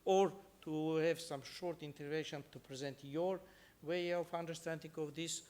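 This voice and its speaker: A man with an Armenian accent giving an earnest, somewhat halting speech as a judge moderating a conference panel. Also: on the high side, steady tone, darkish tone. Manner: earnest, halting non-native phrasing.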